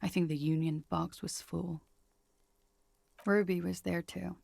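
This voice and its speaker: An actress voicing a frightened, guarded young woman who speaks in a measured, weary confessional manner in a video game. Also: fairly low pitch, steady tone, gravelly, a little mellow, no room sound, exaggerated voice.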